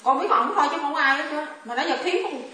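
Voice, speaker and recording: A woman haltingly recounting a personal experience, repeating words as she searches for them. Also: sits high, a crowd in the background. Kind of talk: emotional personal testimony. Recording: echoey room, far from mic.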